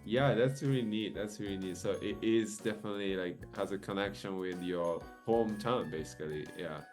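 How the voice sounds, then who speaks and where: Deep-voiced male interviewer from Japan, meandering, filler-heavy delivery. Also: fairly quick, a little mellow, soft background music. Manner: rambling, many fillers and restarts. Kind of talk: casual video-call interview.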